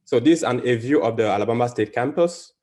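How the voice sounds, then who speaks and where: This is a man from Cameroon, a biology professor presenting academically by video call. He speaks haltingly, with lots of fillers and false starts, in a medium-pitched voice with a dark tone.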